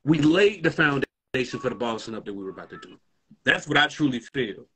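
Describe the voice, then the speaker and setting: A man in casual chat on a livestream, with a husky voice and laid-back slang, often asking "you feel me". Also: mid-range voice, lively intonation, fairly quick, a bit bright. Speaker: co-host.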